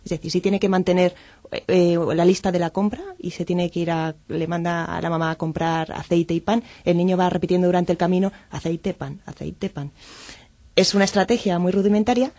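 A woman guest expert on a talk program, explaining memory development in a measured, academic way with frequent restarts. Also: lowish voice, steady tone, dark tone, no echo.

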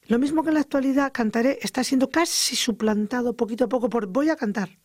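A teacher explains verb tenses on an educational radio program, speaking at a middling pitch with lots of energy. Example sentences are acted out along the way. The recording is close and dry. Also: quick pace, no echo. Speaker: grammar teacher.

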